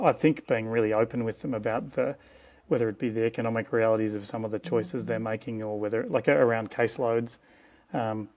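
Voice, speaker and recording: A man's voice: mid-range voice, a little mellow. A middle-aged man with an Australian accent, a guest osteopath who speaks frankly and thoughtfully in a conversational interview. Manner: frank, reflective, opinionated. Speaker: guest osteopath and clinic co-director.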